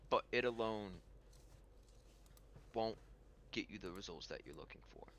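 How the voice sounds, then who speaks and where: A man voicing a huge, imposing male Pirate King who speaks in a slow, low, measured way in a tabletop game. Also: expressive, a bit bright, slight background noise. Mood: grave.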